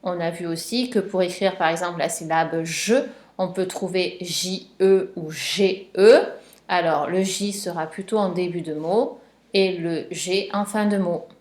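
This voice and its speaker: A woman's voice: fairly low pitch, steady tone, a little slow, darkish tone, dry recording. A woman teacher giving a patient spelling lesson and dictation to a young child, spelling letters out one by one and repeating each point. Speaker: primary school teacher.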